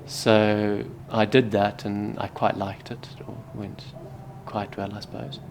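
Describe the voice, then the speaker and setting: A man in his thirties from Zimbabwe, a Buddhist monk answering interview questions in a soft, hesitant way that often trails off quietly. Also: lowish voice, flat delivery, unhurried, vocal fry, background noise. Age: 30s.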